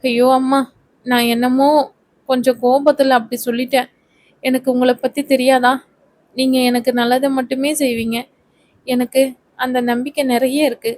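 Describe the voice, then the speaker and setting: A woman's voice: high voice, flat delivery, moderate pace, pauses often, darkish tone, dry recording, natural voice. A woman voicing a naive young actress hurriedly apologizing to her mother. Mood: apologetic.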